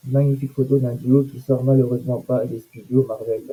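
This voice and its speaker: A man's voice: mid-range voice, flat delivery, fairly quick, warm tone, slightly rough, rough recording. A man giving casual, sarcastic commentary on news items and comments, with mocking asides.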